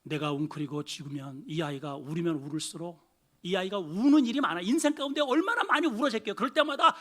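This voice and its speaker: A man preaching a Sunday sermon as pastor, dramatic, swinging from loud exclamations to hushed asides. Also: high-pitched, expressive, quick pace. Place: church sanctuary.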